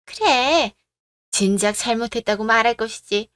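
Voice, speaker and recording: A shrill, raging older mother-in-law in a radio drama, as a woman voices her. She screams at her daughter-in-law in a high, loud voice and hammers every insult home. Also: normal speed, smooth, natural voice. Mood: scolding. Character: furious bullying middle-aged mother-in-law.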